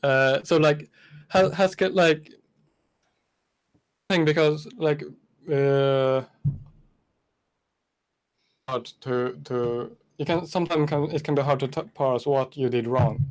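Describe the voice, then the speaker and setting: A man in a casual technical discussion on a video call. His audio keeps cutting in and out, and he speaks haltingly with many restarts. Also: medium pitch. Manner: halting, restarts words often. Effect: choppy video-call audio cutting in and out.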